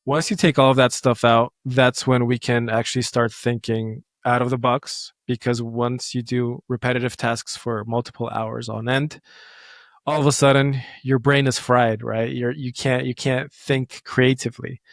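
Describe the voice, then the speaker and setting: A man from Bulgaria who lived in the US for years, a guest calmly giving career advice in a podcast interview. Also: medium pitch, moderate pace, vocal fry, dry recording, clean studio sound. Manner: steady, even-toned, reassuring advice. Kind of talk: casual interview talk.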